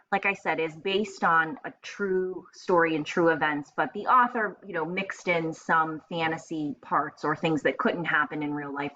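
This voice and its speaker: Reading to a group of kids, a low-voiced woman teacher brings expression and explanation to the text. Faint noise and a slightly muffled quality run through the recording.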